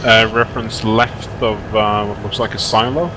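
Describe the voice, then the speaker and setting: A man talking in a halting, matter-of-fact way over crackly military radio while playing a tank simulation. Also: lowish voice, steady tone. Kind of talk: casual military game radio chat. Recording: crackly radio, loud vehicle-like hum.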